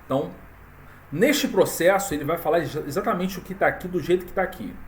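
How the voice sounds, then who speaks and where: Chatty man with a slightly high voice. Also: quick pace, a little hiss or hum. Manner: conversational, many fillers and tag questions. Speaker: tutorial presenter. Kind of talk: casual screen-recorded tutorial.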